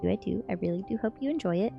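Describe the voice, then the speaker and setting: This sleepy streamer speaks rapid-fire in a medium-pitched voice with vocal fry, and the audio sounds dull. She's doing an ASMR book reading and casual viewer chat with music in the background.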